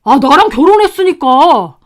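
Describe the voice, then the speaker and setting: An evasive young husband who brushes off complaints and defends his mother, spoken in a high voice, as a woman reads his lines in a dramatized story. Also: very animated, moderate pace. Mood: defensive. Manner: defensive, dismissive.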